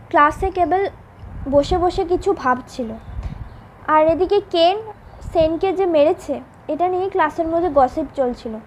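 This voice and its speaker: A woman's voice: extremely high pitch, slight background noise, poor audio. A woman narrating a recap of a drama episode and reading out the characters' lines in her own voice. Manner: quick plain storytelling that reads out the characters' lines in her own voice. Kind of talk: retelling a drama episode with quoted dialogue.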